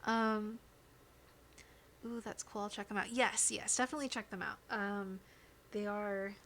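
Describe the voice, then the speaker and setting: A woman's voice: mid-range voice, fairly even intonation, measured pace, a bit bright, a little hiss or hum. A woman livestreaming, chatting casually and rambling with viewers into a dynamic microphone, often laughing as she talks. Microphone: dynamic studio microphone.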